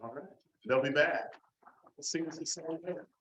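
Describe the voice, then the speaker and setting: A man running the fellowship part of a club meeting, teasing the room in a playful deadpan way. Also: on the high side, normal speed. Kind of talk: casual joking announcements. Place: meeting hall. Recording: roomy hall with faint noise.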